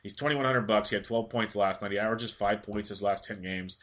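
Congested male host, low-ish voice, quick casual delivery of stats with a ranting streak. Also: fairly bright tone. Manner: quick stat-heavy delivery, ranting at times. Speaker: fantasy baseball analyst. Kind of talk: casual daily picks rundown.

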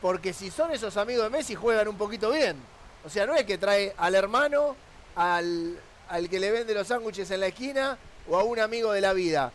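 A man's voice: high voice, animated, moderate pace, a little hiss or hum. A man with an Argentine accent, a sports journalist arguing his point on a football talk panel with rhetorical questions.

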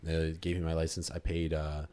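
A young man casually telling a story on a podcast, animated and swearing freely, acting out the voices of people he quotes. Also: a bass voice, moderate pace, smooth.

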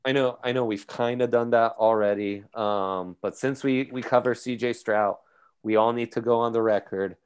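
A man's voice: medium pitch, steady tone, normal speed, clean tone. Guy hosting a sports podcast, casual and jokey, kinda winging the ad reads, normal mid voice. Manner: jokey, off-the-cuff delivery. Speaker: podcast host. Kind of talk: casual sports podcast chat with host-read ads.

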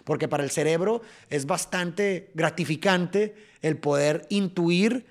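Unhurried and a bit high-pitched, a Mexican-accented man appears as a guest on a podcast. In this laid-back interview he explains his songwriting with eagerness, repeatedly restarting and tapping out rhythms.

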